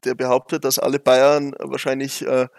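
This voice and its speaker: A man's voice: medium pitch, moderate pace, gravelly, no echo, studio quality. Bavarian man telling stories. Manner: lively storytelling, laughs often. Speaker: bobsledder guest. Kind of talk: casual interview.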